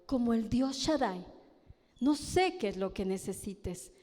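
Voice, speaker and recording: Her voice is a little high and a little mellow, with lively intonation and a measured pace, as this pastor's wife preaches emphatically in a Mexican Spanish accent. She frequently questions the congregation, and the church hall adds long reverb.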